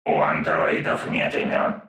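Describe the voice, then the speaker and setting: A man voicing an old male cyborg in a flat, mechanical half-whisper with an echoing robotic filter, as in an audiobook. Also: measured pace, soft background music. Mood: grave. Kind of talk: audiobook narration.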